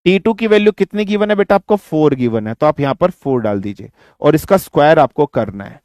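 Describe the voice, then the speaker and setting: A man teaching physics in an online exam-prep lecture, mixing Hindi and English, asking and answering his own questions and slowing down to dictate definitions. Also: fairly high pitch, expressive, darkish tone, no echo, studio quality. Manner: slows down to dictate definitions word by word.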